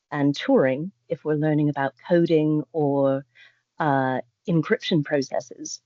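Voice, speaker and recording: A low-voiced woman talks through puzzle solutions slowly and analytically on a video call. Her voice sounds dry and close. The audio is dull and lo-fi. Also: warm tone, no room sound. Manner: measured and analytical. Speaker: session participant.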